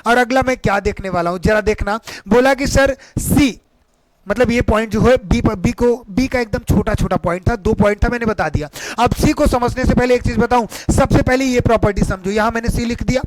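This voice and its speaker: A man with a very high voice and a Hindi accent, teaching an English pronunciation class with lively energy. He keeps asking his students questions and answering them himself, and the sound is close and dry. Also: fairly quick, hardly any pauses, no echo, poor audio. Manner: energetic, repeats key points as questions to students. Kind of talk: online classroom lesson.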